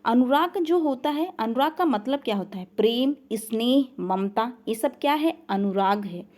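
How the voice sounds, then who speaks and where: High-voiced woman teaching a grammar class. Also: expressive, moderate pace, a little mellow. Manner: repeats questions and makes the learner answer back. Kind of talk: online class lecture.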